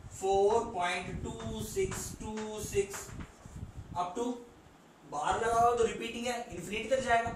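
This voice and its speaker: High-voiced man teaching from afar, echoey. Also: slight background noise. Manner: explains step by step, counts along while drawing, asks rhetorical questions. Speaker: maths teacher. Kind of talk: whiteboard math lesson. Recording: echoey room from far off.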